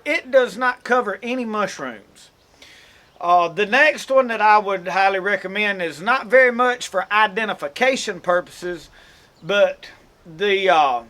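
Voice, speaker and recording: With a high-pitched, bright, forceful voice, a Mississippi man hosting an outdoors channel walks through a casual how-to. His Southern accent comes with a folksy, rambling manner full of self-corrections.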